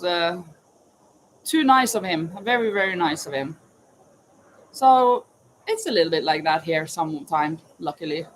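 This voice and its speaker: A Norwegian woman with a mid-range voice chats casually while crocheting live, rambling a little and answering viewers' questions; the rough recording carries a slight hiss or hum. She's a crochet vlogger and teacher, chatty and self-correcting, at her home in Spain with crickets outside.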